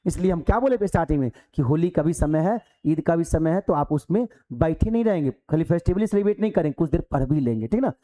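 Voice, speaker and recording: Guy teaching a live class, chatty, throws questions at students, mellow tone. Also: a little high, lively intonation, fast talker, hardly any pauses. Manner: conversational, rhetorical questions, acts out pupils. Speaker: exam coaching teacher. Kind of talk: live online class lecture. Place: hall of an offline coaching centre.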